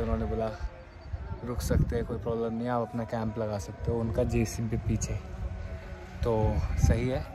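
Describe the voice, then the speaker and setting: A man talking casually to camera as a walking travel vlogger, chatting with his viewers as he walks along a road outdoors. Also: medium pitch. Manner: chatty, addresses viewers as brothers and guys; talks while walking on foot. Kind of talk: casual vlog talk to camera. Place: outdoors by a roadside.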